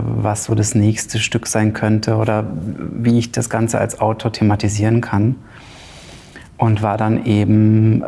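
Recorded on a lapel mic in a grand, ornate hall, this man from Romania, a playwright in his thirties, has a gravelly, mellow voice on the low side. His Zipser German dialect comes through as he answers interview questions haltingly, pausing frequently with fillers.

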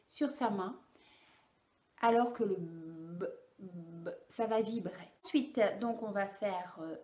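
A woman's voice: fairly high pitch, reverberant. A woman speech therapist explaining and carefully demonstrating speech sounds for parents in an instructional video.

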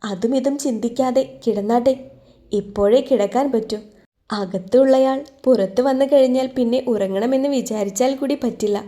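A woman voicing a patient young heroine in an audio love story, speaking in a gentle, comforting way. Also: on the high side, normal speed, close to an everyday voice.

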